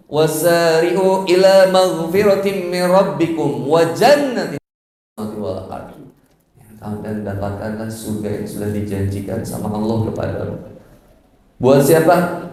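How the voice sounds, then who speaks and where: A man preaching a humorous sermon in a mosque, joking with the crowd, acting out quarrels in sudden high voices and chanting Arabic verses slowly. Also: mellow. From West Java. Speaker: Islamic preacher. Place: mosque hall. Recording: very echoey mosque hall.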